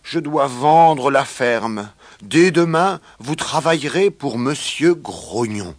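A man voicing a kindly old farmer who speaks gently and earnestly in a storybook reading. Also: mid-range voice, lively intonation, takes it slowly, dry recording, voice pushed up.

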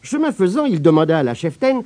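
A man reading a children's story aloud in an expressive, sing-song way. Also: sits high, fast talker, no echo.

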